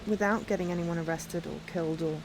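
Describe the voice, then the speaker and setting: A woman's voice: on the low side, fairly even intonation, fast, background noise. A woman giving casual commentary while playing a video game.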